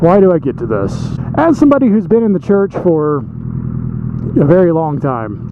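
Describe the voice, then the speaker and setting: A high-voiced man talks from inside a motorcycle helmet, with a thin, narrow sound. He thinks aloud in an emphatic, casual monologue as he rides, with clear road and engine noise around him. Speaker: motovlog host. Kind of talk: casual opinionated monologue while riding a motorcycle. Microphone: microphone inside a motorcycle helmet.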